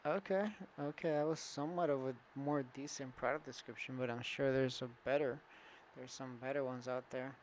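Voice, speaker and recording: In this screen-recorded store-setup walkthrough, the man talks at normal speed with medium pitch and fairly even intonation, filling pauses and restarting as he thinks aloud. The low-quality recording, made with a computer, screen recorder and camera, carries a little hiss or hum.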